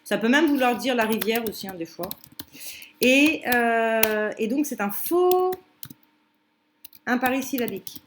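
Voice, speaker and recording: A woman's voice: fairly high pitch, expressive, measured pace, pauses often, slight background noise. A woman teaching a commented translation lesson, explaining step by step with many fillers and restarts.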